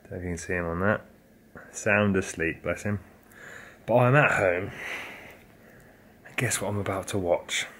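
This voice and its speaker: A man's voice: low voice, moderate pace, pauses often, a bit bright. A young man talking casually to camera in a home vlog, upbeat and chatty with lots of fillers. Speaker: fitness vlogger.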